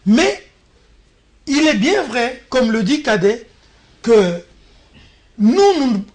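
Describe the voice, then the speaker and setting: A man weighs his words carefully as a panel journalist. His commentary is formal and deliberate, with small stammers as he starts each point. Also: very high voice, expressive. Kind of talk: measured political commentary.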